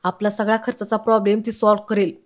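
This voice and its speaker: A man's voice: high voice, completely flat delivery, fast, natural voice. A woman voicing a sly, scheming middle-aged man from the housing society, talking in a persuasive way.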